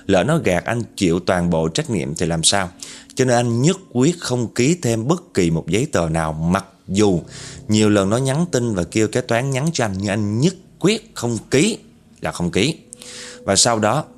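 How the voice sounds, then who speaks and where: Brief: lower-voiced Southern Vietnamese man, conversational storyteller, talks straight to the audience. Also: animated, moderate pace, darkish tone. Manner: conversational, addresses listeners directly. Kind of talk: spoken true-story narration.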